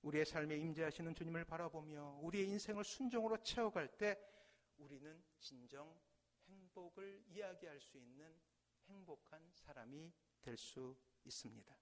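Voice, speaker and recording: A middle-aged man, a pastor, preaching a sermon with dramatic swells and hushed drops in a church sanctuary. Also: on the high side, animated, normal speed. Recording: church hall reverb.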